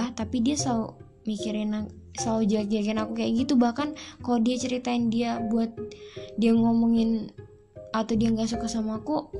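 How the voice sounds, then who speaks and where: A young woman chatting casually about her own life, with drawn-out fillers, often quoting herself, while music plays underneath. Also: fairly high pitch. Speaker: vlogger. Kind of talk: casual personal storytelling.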